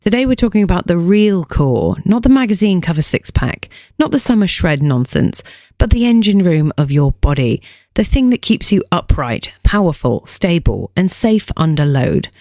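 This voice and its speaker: A woman's voice: lowish voice, big pitch swings, normal speed, mellow, no echo, clean studio sound. A woman fitness coach hosting a scripted podcast explainer, delivering punchy lines with playful joking asides.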